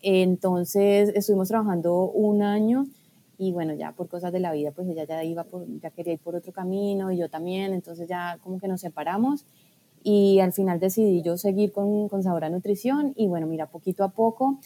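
Soft-spoken woman, warm low tone. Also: steady tone, a little hiss or hum. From Colombia. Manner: thoughtful, hesitant, pauses with fillers. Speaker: guest, food scientist and blogger. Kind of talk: casual podcast conversation.

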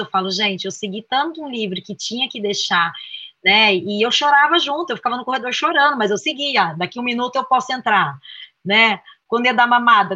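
Bright, earnest woman on a dull line. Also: mid-range voice, no echo. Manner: earnest, heartfelt, frequent tag questions. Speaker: guest therapist. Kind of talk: reflective conversation. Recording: dull, dry sound.

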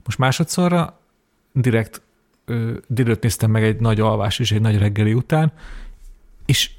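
A man's voice: on the low side, darkish tone. A young man co-hosting a film podcast, talking casually and often repeating words as he thinks. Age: young adult. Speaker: podcast co-host.

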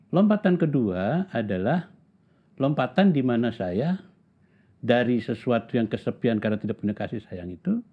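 A man in his seventies telling stories from his life in a slow, reflective way, pausing often and repeating words for emphasis. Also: medium pitch, breathy edge. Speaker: interviewee. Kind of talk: reflective storytelling in conversation. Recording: tinny phone-like sound.

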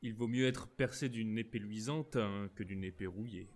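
A man's voice: lowish voice, natural voice. A man voicing a proud, hot-tempered young musketeer. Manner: proud, quick to anger.

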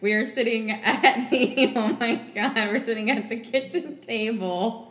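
A woman's voice: fairly high pitch, a little slow, a bit bright. A young woman hosting a podcast in casual, conversational style. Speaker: podcast host. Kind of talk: casual chat. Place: kitchen table at home. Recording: echoey room.

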